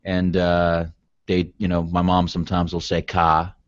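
Low-voiced laid-back man, podcast co-host. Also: monotone, moderate pace, a little mellow, dry recording. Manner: laid-back, swears freely. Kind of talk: casual chat. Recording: dull, dry lo-fi sound.

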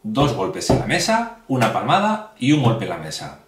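A man teaching a hand-clapping rhythm in a video tutorial, speaking slowly and clearly and addressing viewers directly, indoors at a table. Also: mid-range voice, huge pitch swings, recorded from a distance, very noisy. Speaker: music teacher. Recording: roomy sound with music behind.

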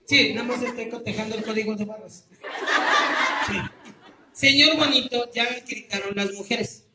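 A man with a Mexican accent performing as a street clown, teasing and calling loudly to an outdoor crowd. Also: very high voice, steady tone, moderate pace. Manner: loud, teasing, calling out to the audience. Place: outdoor public square. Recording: echoey, distant and noisy.

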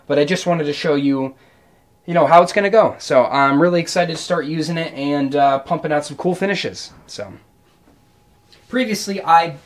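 A man giving a relaxed, rambling walkthrough of his home basement workshop, with lots of ums and uhs, recorded on a camera mic. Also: a little high. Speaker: guitar builder showing his workshop.

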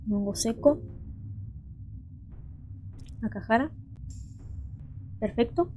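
A woman's voice: a little high, very slow, dark tone, soft background music. A young woman, hosting a let's play and chatting to viewers as she thinks aloud. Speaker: gaming channel host.

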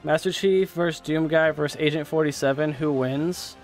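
A man's voice: a little high, fairly even intonation, normal speed, faint music behind. A young man live-streaming a game, chatting casually with viewers, swearing and laughing as he plays. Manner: swears and laughs often, reacts loudly to gameplay.

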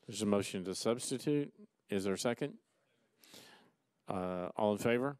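A middle-aged man chairing a council meeting, reading resolutions aloud in a brisk, formal way from a desk mic. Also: lowish voice, darkish tone, smooth, dry recording. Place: large council chamber, seated at dais. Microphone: desk gooseneck mic.

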